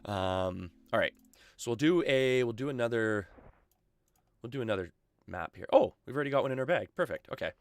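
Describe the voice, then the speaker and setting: A man's voice: medium pitch, lively intonation, fairly quick, smooth, dry recording. A Canadian man chatting casually on his live game stream through a headset, full of fillers and laughs.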